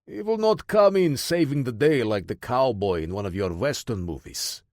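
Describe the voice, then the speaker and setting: A man's voice: medium pitch, animated, normal speed, a little mellow, dry recording, clean studio sound, lightly acted. A man reading an audiobook, voicing a cold, gloating mercenary. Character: gloating male Russian mercenary, deep and cold. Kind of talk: audiobook character voice.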